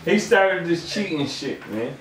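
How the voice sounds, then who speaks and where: A man co-hosting a casual panel talk show, loud and teasing, laughing often. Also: on the high side, animated, unhurried, a crowd in the background. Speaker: podcast co-host. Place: studio with panel table. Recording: echoey room, distant mic, noisy.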